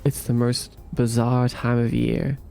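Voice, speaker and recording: A man's voice: mid-range voice, little pitch movement, measured pace, vocal fry, mellow, faint music behind. A young man, casually chatting and joking with his livestream viewers. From Australia. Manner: playful, laughing, teasing chat. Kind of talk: casual chat reading viewer comments.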